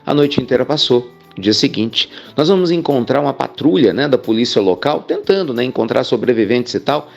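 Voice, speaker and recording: A man tells an inspirational story, chatty and addressing his listeners directly. His mid-range voice has a gravelly grain. The recording is dull and lo-fi, with faint music underneath. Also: medium pitch, expressive, fairly quick, hardly any pauses. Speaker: spiritual speaker.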